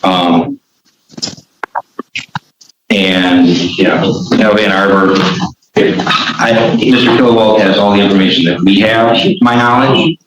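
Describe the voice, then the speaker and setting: A deep-voiced man addresses the judge as the prosecutor, brief and matter-of-fact. It is a courtroom recording taken from a distant mic. Heavy courtroom echo and clear background noise surround his voice. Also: steady tone, takes it slowly. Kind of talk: courtroom speech. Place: large courtroom.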